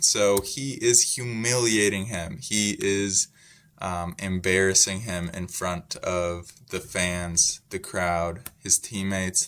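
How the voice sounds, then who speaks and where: Young man from the US, English teacher, low voice, unhurried, patient, repeats himself. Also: fairly bright tone. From United States. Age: young adult. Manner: patient, repeats words, many ums. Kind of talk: slow, simple ESL explanation.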